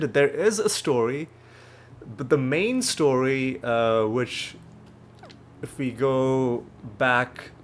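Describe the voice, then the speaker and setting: In a casual let's play, a man with a mid-range, slightly nasal voice, still getting over a cold, explains the game in a rambling fashion and corrects himself along the way. A little hiss or hum and faint background music accompany him.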